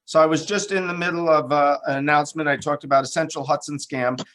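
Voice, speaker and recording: A man serving as town supervisor, chairing a board meeting over a video call in a plain, halting way with many fillers. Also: fairly high pitch, steady tone, a bit bright.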